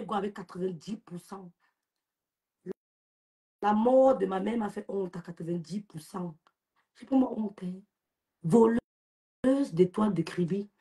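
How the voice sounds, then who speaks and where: A woman's voice: mid-range voice, dark tone, breathy edge. A young woman with a Cameroonian French accent, hosting a social media live and scolding and mocking a rival in a taunting rant. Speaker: live-stream host.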